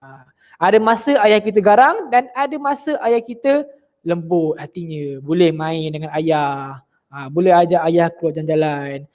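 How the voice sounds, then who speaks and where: Teaching religion to children online, a Malaysian Malay-accented man keeps the class lively with many questions for his pupils. His voice is on the high side, and he speaks at a moderate pace.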